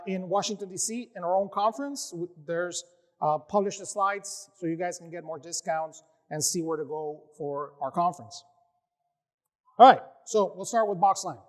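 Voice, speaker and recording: A man, a company CEO from the United States, giving an upbeat tech conference presentation with frequent filler words. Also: high-pitched. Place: conference session room.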